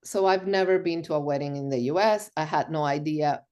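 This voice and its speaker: Speaking briskly in a low, slightly mellow voice, a middle-aged woman from Argentina shares personal stories as a guest on a podcast. The storytelling interview takes place over a remote call.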